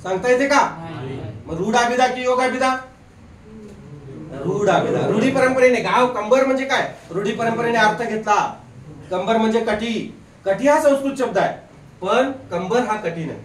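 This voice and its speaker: A man teaching a grammar class in a lively way. He quizzes his students, jokes with them, and. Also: very high-pitched, normal speed, far from the mic. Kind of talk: classroom lecture. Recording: echoey classroom recorded from afar.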